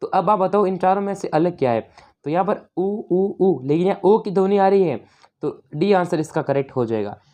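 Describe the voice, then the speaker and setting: A woman teacher with a Rajasthani Hindi accent explaining an exam paper step by step, calling the viewers "friends" and reading the English questions slowly. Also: fairly low pitch, expressive, dark tone. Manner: explanatory, repeats "dosto", slow English readings. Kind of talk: exam paper walkthrough lesson.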